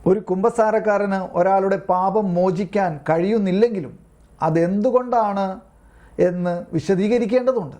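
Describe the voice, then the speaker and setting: A man's voice: sits high, a little slow, warm tone. A man leading an online prayer group as a lay preacher, reading religious texts aloud and explaining them in an informal, repetitive way, often checking whether listeners understand, heard over a video call. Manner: repetitive, keeps asking listeners if they understand.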